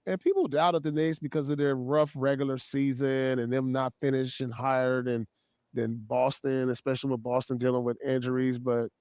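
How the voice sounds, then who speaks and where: A man's voice: medium pitch, a little mellow, no room sound, studio quality. A man giving casual basketball analysis, often saying "you know what I'm saying". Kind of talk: casual sports commentary.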